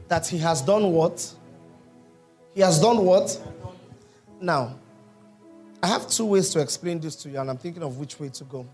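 A pastor with a high, slightly rough voice preaches a sermon in church. He reads scripture and teaches by quizzing the congregation with questions.

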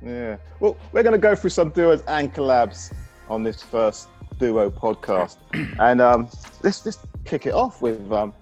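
A man with a gravelly voice hosting a podcast in casual, playful chat, often repeating his phrases. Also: mid-range voice, sing-song, a little slow, darkish tone, highs cut off, soft background music. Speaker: podcast host. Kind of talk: casual nostalgic music chat.

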